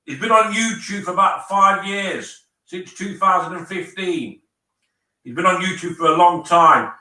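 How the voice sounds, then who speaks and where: Co-host, high, sharp and bright, plugging channels, roomy and far off. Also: male voice, a little slow. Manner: upbeat shout-outs, repetitive. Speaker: co-host reading chat. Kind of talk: casual live-stream chat. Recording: echoey, distant room sound.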